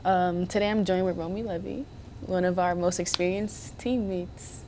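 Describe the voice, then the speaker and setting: A woman's voice: lowish voice, fairly even intonation, normal speed, warm tone, a little hiss or hum. A young woman hosting a podcast and interviewing a teammate in a friendly, chatty way. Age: young adult. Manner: friendly, chatty, asks loose questions.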